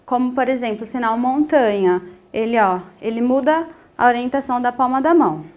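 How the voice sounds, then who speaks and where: A woman teaching a sign language lesson, explaining each point patiently and filling pauses with short hesitations. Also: fairly high pitch, a little mellow. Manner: patient, explanatory, with frequent 'é' fillers.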